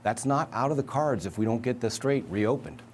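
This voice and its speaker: A man giving a measured, analytical market view as a guest in a financial news interview. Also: mid-range voice, darkish tone, slight background noise. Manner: measured, analytical, emphatic asides.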